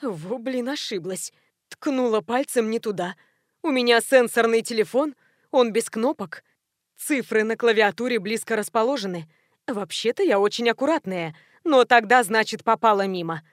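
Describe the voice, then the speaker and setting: A woman reading the part of a gangster's wife who answers in a flat, matter-of-fact, childlike way. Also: fairly high pitch, moderate pace, no room sound, studio quality, close to an everyday voice. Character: blunt gangster's wife, adult woman, unbothered. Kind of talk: audiobook character reading.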